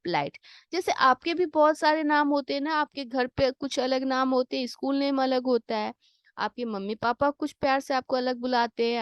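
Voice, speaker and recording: Patient teacher, woman, slightly high voice, dry close mic; asks and answers her own questions for kids. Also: no room sound. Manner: mixes English glosses into her explanations. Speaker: Hindi teacher for children. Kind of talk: worksheet lesson voice-over.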